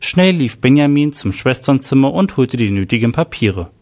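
A man narrating a crime story aloud in a plain, steady storytelling voice. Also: mid-range voice, moderate pace.

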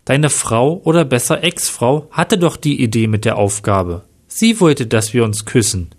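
A man's voice: mid-range voice, expressive, unhurried. A man reading the lines of a self-assured, affectionate male investigator in a plain read-aloud manner.

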